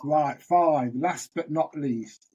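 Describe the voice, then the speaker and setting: A woman's voice: sits low, slow pace, dark tone, slightly rough, dull audio. A woman with a Northern English accent hosting a casual podcast chat, playful and laughing often, breaking into song. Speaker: podcast host.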